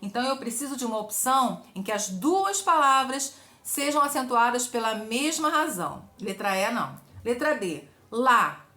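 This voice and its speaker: A woman's voice: fairly high pitch, animated, moderate pace, pushed and bright. A Brazilian woman teaching an exam-prep grammar lesson, explaining step by step and posing questions she answers herself. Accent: Brazilian Portuguese. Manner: didactic, asks and answers her own questions. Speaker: Portuguese teacher. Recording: echoey room.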